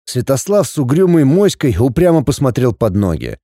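A man narrates an audiobook in an expressive, wry manner, his pitch moving freely over a wide range. His voice is warm and mellow, and the recording is dry and close to the mic. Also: normal speed, no room sound. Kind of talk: audiobook reading.

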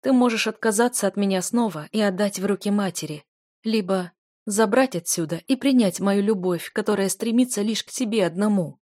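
A woman's voice: medium pitch, fairly quick, a little mellow, no room sound, studio quality, lightly acted. A woman voicing a desperate young female student in love, pleading emotionally with a raised voice.

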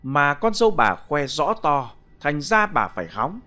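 Expressive male ghost-story narrator. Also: on the high side. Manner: expressive, measured, atmospheric.

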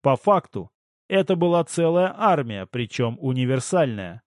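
A man reading a first-person novel aloud in a steady, even storytelling voice. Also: medium pitch, normal speed, no room sound, studio quality. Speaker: audiobook narrator. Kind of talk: scripted first-person audiobook narration.

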